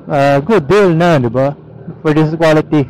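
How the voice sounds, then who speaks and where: Inside his helmet on a ride, a man with a Filipino accent rambles in easygoing Taglish for his vlog. His voice is a little high with a darkish tone, and he's unhurried. The low-quality recording, from a helmet intercom or action camera mic, has engine and road noise.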